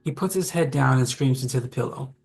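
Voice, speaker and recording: Brief: husky male narrator, steady mid-pitched audiobook read. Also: brisk, soft background music.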